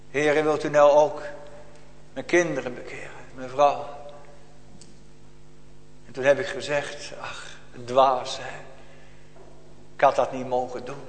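A man's voice: a little high, a little hiss or hum. Solemn preacher man in echoing church. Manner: solemn, urgent preaching with rhetorical questions. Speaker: pastor. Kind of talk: sermon. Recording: long reverb of a church hall.

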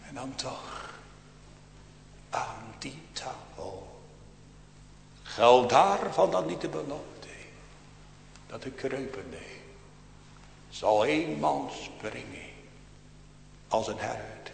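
A man preaching a sermon to his congregation, slow and dramatic, dropping to hushed tones and rising to loud outbursts. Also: mid-range voice, expressive, vocal fry, slight background noise. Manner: slow, swinging between loud outbursts and hushed near-whispers. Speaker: pastor. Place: church. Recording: echoey church with long reverb.

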